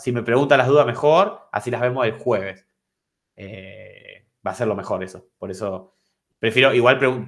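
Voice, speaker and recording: A man with an Argentine Spanish accent teaching an online programming class, explaining step by step and checking if his students follow. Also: on the low side. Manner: explanatory, repeats and restarts, asks if understood.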